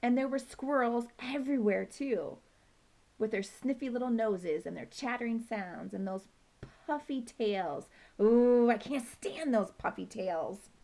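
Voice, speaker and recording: Woman doing a loud, higher-pitched male dog, shouty and indignant, in a children's book read-aloud, slight gravel in the voice. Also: measured pace. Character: excitable male dog obsessed with hating squirrels.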